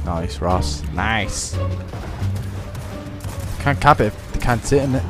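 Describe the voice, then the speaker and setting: A man streaming a shooter game, talking over his headset microphone with quick excited exclamations and swearing. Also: on the low side, music in the background. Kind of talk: live gameplay commentary.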